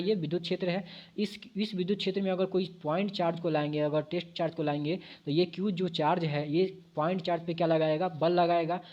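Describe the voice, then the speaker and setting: A man's voice: fairly high pitch, darkish tone, dull audio. A man giving an exam-prep physics lesson. He explains step by step at a board, corrects himself as he goes, and repeats key points back to the viewers as questions. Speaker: physics teacher.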